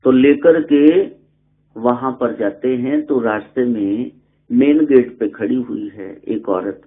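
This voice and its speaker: A male spiritual teacher tells a sacred story and brings its voices to life. He speaks slowly and deliberately. The recording is narrow and tinny, like a phone line. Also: medium pitch. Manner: animated storyteller, acting out voices. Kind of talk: religious storytelling discourse.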